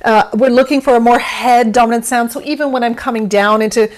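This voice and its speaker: A woman's voice: on the high side, fairly even intonation, fairly quick. A woman guest on an interview, explaining singing technique in a conversational way, with frequent fillers and easy laughter. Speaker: vocal pedagogy specialist guest.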